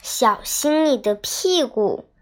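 A young girl reads a children's diary story aloud, leaning into every line with a dramatic storybook delivery. Her voice sits a little high, and she takes her time, stretching out words. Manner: expressive, dramatic storybook reading with drawn-out words.

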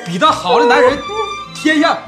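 Lively coaxing village guy, loud violin music behind him. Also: very high-pitched, normal speed. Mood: soothing. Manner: soothing, plain-spoken, coaxing. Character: kindly rural village man. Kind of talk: TV drama acting.

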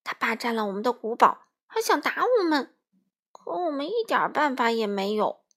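A woman's voice: a little high, sing-song, normal speed, a bit bright, heavily acted. A woman voicing a timid young male character who stammers when he's scared. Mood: scared pleading.

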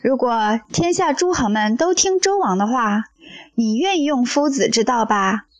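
A woman's voice: on the high side, lively intonation, moderate pace, no room sound, natural voice. A woman reading the part of a curious young male disciple in an audio story, asking questions.

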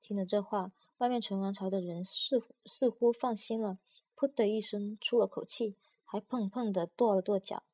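Mellow woman reading a storybook. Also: mid-range voice, moderate pace. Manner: even, storytelling. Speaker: narrator. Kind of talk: storybook narration.

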